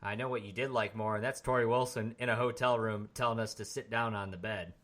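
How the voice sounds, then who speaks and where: Bright-voiced man recapping casually. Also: on the low side, fast talker. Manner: relaxed, rambling recap with frequent fillers. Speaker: podcast co-host. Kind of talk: casual wrestling recap chat.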